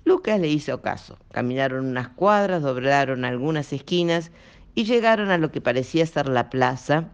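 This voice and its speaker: A man, reading a children's story aloud as an expressive storyteller. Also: on the high side, clean tone. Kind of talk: audiobook narration.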